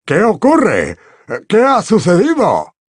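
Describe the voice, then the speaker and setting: A man's voice: high-pitched, huge pitch swings, slightly rough, dry recording, studio quality, pitched above the performer's own voice, heavily acted. A man doing a flustered, panicky minister. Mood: panicked. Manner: frantic, halting with fillers. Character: flustered panicky male minister, middle-aged.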